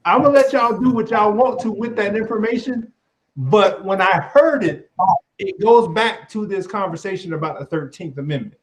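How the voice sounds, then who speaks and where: A man's voice: high voice, moderate pace, rough recording. A man moderating a virtual panel discussion, making pointed, emphatic remarks. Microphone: video call.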